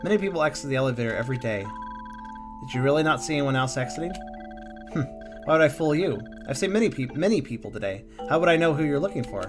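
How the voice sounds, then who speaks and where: A man's voice: fairly high pitch, lively intonation, fast talker, over music, close to an everyday voice. A man voicing a cryptic masked hospital nurse, a woman who teases and speaks in riddles, in a game. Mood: teasing. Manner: softly teasing, riddling.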